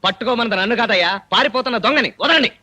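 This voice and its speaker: A fast-talking scheming con man. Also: very high-pitched, lively intonation, sharp tone, a little hiss or hum, heavily acted. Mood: pleading. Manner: fast, wheedling excuse-making. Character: scheming male con man dodging lenders. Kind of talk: Telugu film comedy scene.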